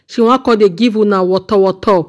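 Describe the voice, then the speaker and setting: A woman's voice: medium pitch, steady tone, fairly quick. A woman with a Nigerian accent hosting a reaction channel, commenting on a clip in a gossipy, exclaiming way. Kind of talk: casual commentary on a video.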